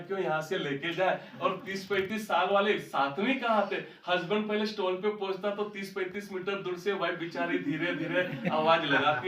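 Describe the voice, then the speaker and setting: A man's voice: sits high, a bit bright, recorded from a distance, slight background noise. A man telling a story about his life to an audience as a motivational speaker, recorded in a large hall. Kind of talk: storytelling talk on stage.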